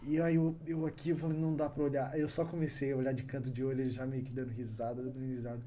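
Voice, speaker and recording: A man, a guest entrepreneur telling anecdotes on a casual podcast, animated and chuckling often. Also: mid-range voice, rapid-fire, slight background noise.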